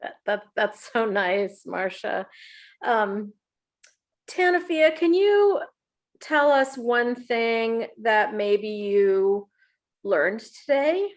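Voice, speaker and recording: A woman's voice: on the high side, animated, drawn-out words. A woman playing an earnest webinar leader who hands out homework, in improv comedy. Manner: earnest, leisurely, facilitator-like.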